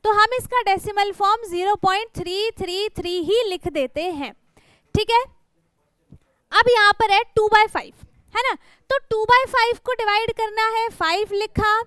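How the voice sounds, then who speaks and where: Woman maths teacher, very high voice, patient step-by-step explaining, frequent check-ins, dry close recording. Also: fairly even intonation, measured pace, a bit bright, dry recording. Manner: checks in often with rhetorical "right?" questions; speaks directly to students, patient and encouraging.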